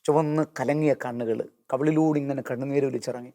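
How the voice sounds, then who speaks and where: A man giving an earnest personal testimony in an interview, slowing down when he quotes hymn lines. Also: mid-range voice, fairly even intonation, dark tone.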